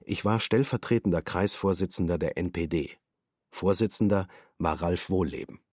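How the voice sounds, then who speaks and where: A subdued male defendant in his thirties, voiced by a man in a documentary radio play. He gives testimony in short, terse sentences. His voice sits very low and sounds husky, and the recording is dry and close. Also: moderate pace, darkish tone, dry recording. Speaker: voice actor. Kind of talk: documentary radio drama reading.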